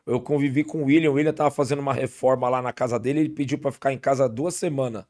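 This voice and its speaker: A man's voice: medium pitch, very fast. A man telling stories in a casual podcast chat, full of slang and restarts. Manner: relaxed storytelling, heavy slang, frequent restarts. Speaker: podcast guest.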